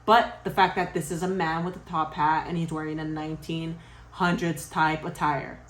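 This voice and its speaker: A young woman vlogger casually telling a spooky story to her viewers, animated and swearing, often laughing. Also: sits low, normal speed, echoey room.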